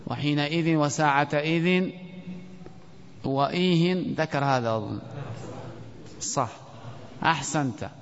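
A man teaching an Arabic grammar lesson in a classroom, quizzing his students and reciting verse slowly. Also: a little high. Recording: dull lo-fi audio with long hall reverb.

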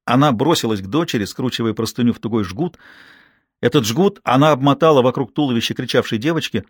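A man in his sixties reading a tense novel aloud at a steady pace, slowing on dramatic details. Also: medium pitch, breathy edge, no room sound, studio quality. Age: 60s. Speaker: audiobook narrator. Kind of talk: scripted narration.

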